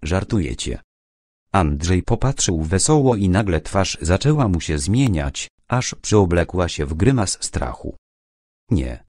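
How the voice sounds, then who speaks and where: A man narrating a first-person crime novel audiobook in a measured, even reading. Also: sits low, dry recording, studio quality. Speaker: audiobook reader.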